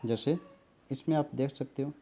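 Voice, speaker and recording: A man's voice: mid-range voice, moderate pace, dark tone. A man teaching a spelling lesson, patiently explaining words, repeating them, spelling them out letter by letter and calling his students beta. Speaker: tutor.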